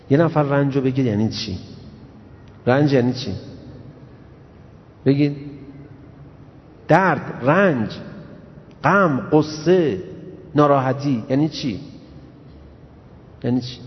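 A man giving an emphatic religious lecture, swinging from slow, low asides to loud scolding. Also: lively intonation, a little hiss or hum. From Iran, grew up in Tehran. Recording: dull recording in reverberant hall.

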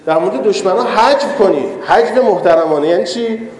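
A man's voice: sits high, a little mellow. A man preacher giving a religious lecture, telling stories and asking rhetorical questions. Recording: echoey hall.

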